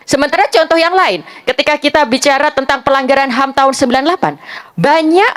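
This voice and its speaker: A young woman speaking as a panelist at a public forum, making her case in a measured, argumentative way and building her points one by one. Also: fairly high pitch. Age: young adult. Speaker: panelist, civic activist.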